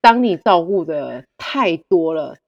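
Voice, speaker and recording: A woman guest telling stories in casual chat, direct and animated, acting out the dialogue. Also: lowish voice, takes it slowly, creaky, long reverb tail, muffled recording.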